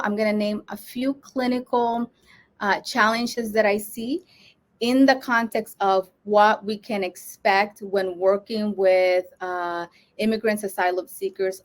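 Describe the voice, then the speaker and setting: A woman from Honduras gives an earnest lecture to social workers, her pitch sitting in a middle range. She thinks aloud as she goes, with many fillers and restarts. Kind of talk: educational talk to social workers.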